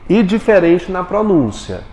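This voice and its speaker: A man's voice: high voice, big pitch swings, darkish tone. Brazilian male teacher in an echoey classroom. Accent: Brazilian Portuguese. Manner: quizzes students with quick questions. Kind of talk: classroom lecture. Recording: echoey classroom with long reverb, faint noise.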